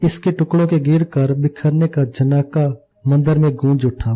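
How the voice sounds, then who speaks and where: A man with a very dark, mellow voice reads a novel aloud for an audiobook. He narrates steadily, with a measured storyteller's delivery. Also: on the high side. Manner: steady storytelling, voicing all the characters.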